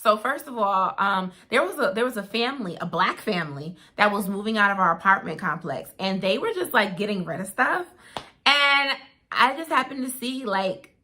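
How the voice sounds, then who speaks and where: A woman with a bright, forward voice at an average pitch chats casually as a show co-host. She tells stories with emphasis and folksy asides to the listener. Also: animated, normal speed. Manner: emphatic storytelling with folksy asides like "honey" and "baby". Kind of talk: casual chat.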